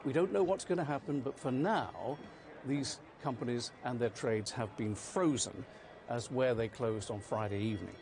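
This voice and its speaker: A man's voice: mid-range voice, moderate pace, vocal fry, a little mellow, slight background noise. A man reporting live as a news correspondent, explaining in a conversational way.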